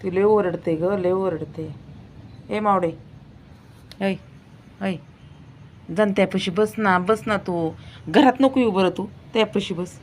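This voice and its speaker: A woman's voice: medium pitch, slow pace, pauses often, a little mellow, slight background noise. A woman vlogging at home late at night, sleepy and tired, pleading over and over with her cat to let her sleep. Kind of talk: casual late-night vlog.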